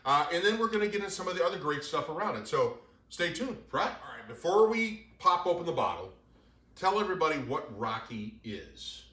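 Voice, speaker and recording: A man's voice: a little high, sing-song, a little fast, bright, forceful tone, roomy sound. A man hosting a casual bar show, joking and upbeat as he chats with a guest. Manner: jokey, upbeat, loose. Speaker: host. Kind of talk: casual chat.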